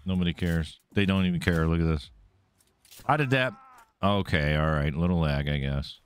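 A man's voice: deep voice, normal speed, smooth. A man streaming a game live, commenting casually, swearing freely and taunting the enemies he fights.

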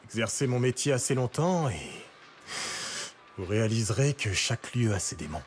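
A man's voice: mid-range voice, animated, moderate pace, soft background music, lightly acted. An actor playing a stern, weary middle-aged father in naturalistic video game dialogue. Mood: stern, apologetic.

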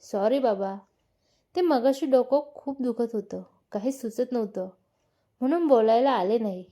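A quick-tempered, chatty young wife who scolds in quick bursts, as a woman reads her out. Her voice is fairly high with a warm, mellow tone. She is heard in a spoken storybook. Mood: apologetic.

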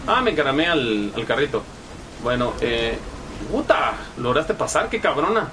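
A man's voice: mid-range voice, very animated, normal speed, noisy background. A young man with a Guatemalan Spanish accent giving profane, chatty live gameplay commentary and reading chat messages aloud. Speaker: gaming streamer.

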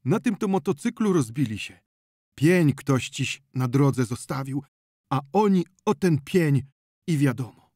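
A man voicing an anxious male village peasant who loudly and urgently retells an accident in an audiobook. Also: mid-range voice, expressive, a little slow, dry recording, clean studio sound, pitched above the performer's own voice. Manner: loud, urgent, breathless retelling.

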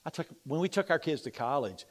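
Man preaching, loud then hushed. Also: a little high, lively intonation, quick pace. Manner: swings from loud emphatic preaching to quiet tearful confiding. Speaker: pastor. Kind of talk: sermon. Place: church sanctuary.

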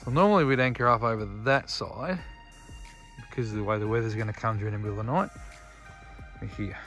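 An Australian man giving a relaxed, chatty running commentary from a catamaran, filmed on a phone. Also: lowish voice, fast, soft background music. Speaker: sailing vlogger. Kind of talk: casual narration on a boat. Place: on a catamaran outdoors.

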